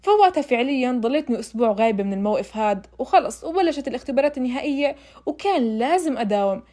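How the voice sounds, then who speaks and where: Speaking straight to her listeners, a young woman tells her own story in a casual, emotional way. Her high, dark-toned voice moves very fast with lively intonation.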